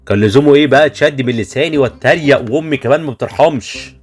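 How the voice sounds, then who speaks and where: A man's voice: medium pitch, fast talker, slightly rough, faint music behind, lightly acted. An actor voicing a cowardly, teasing young man in a comic radio serial, speaking with an Egyptian accent in a whiny, evasive way. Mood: nervous. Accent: Egyptian Arabic.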